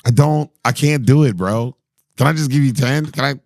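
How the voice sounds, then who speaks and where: Guesting on a podcast, a forties-aged male singer with a low voice talks at a normal pace in relaxed conversation. He laughs a lot, sounds animated, and often starts his sentences over; the studio recording is clean and echo-free.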